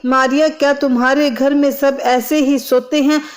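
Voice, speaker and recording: A woman's voice: high voice, little pitch movement, moderate pace, natural voice. A woman voicing a patient mother-in-law in a storybook, firm but restrained. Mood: scolding. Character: patient older mother-in-law, scolding gently.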